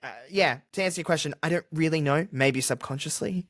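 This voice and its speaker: With a fairly high, somewhat bright voice and a brisk pace, this Australian guest chats casually on a podcast interview. He's candid and jokey, often turning the humor on himself.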